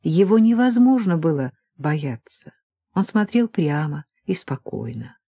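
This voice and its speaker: A woman reads an audiobook with calm, measured narration in a fairly low voice. She takes her time over every phrase, and the recording is dry and slightly dull. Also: husky, no echo. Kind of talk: scripted narration.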